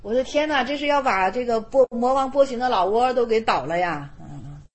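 A woman's voice: fairly high pitch, expressive, brisk, slightly rough. A woman, a Buddhist teacher giving a casual dharma talk, chatty and repeating her phrases.

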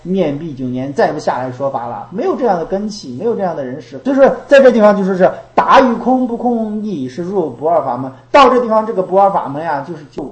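A woman's voice: on the low side, animated, fast talker, hardly any pauses, darkish tone, roomy sound, low-quality recording. A woman giving a Buddhist dharma talk. She repeats her phrases and asks rhetorical questions. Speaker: Buddhist teacher.

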